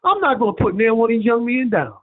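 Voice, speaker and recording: Male caller, high husky voice, lively and preachy, tinny phone audio. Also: fast. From Birmingham, Alabama. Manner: preachy, repetitive, animated storytelling. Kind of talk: call-in rant.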